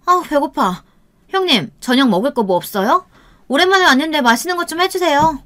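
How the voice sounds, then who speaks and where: A woman voicing a rude, arrogant younger sister-in-law who sneers and scolds in a high, shrill voice. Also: animated, fairly quick, fairly bright tone. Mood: sneering.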